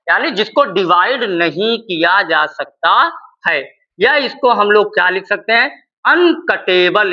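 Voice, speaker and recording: A man teaching chemistry with a lively, rising-and-falling voice, slowly dictating notes one word at a time. He keeps putting questions to the class and answering them himself, and the recording sounds a little muffled and lo-fi. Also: sits high. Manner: asks questions and answers them himself, repeating key words.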